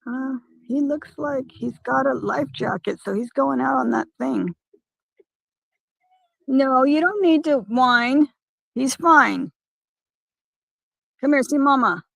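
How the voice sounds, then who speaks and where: A woman chatting casually on a phone livestream by a lake, talking in halting, rambling bursts with many restarts. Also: high-pitched, gravelly, a bit bright, dry recording. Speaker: van-life vlogger. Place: parked by a lake.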